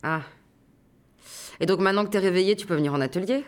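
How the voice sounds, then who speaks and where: A woman's voice: on the low side, fast. Coaxing woman staff member on a call. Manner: friendly and coaxing. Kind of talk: phone call.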